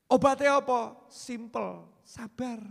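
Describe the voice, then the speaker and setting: A man preaches a joking, animated sermon in a high voice. His lines ring out with a long hall reverb. He teases the congregation and drops into phrases. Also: slow, creaky. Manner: joking, animated, mixes Javanese phrases, talks with audience. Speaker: Islamic preacher. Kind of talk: humorous religious sermon.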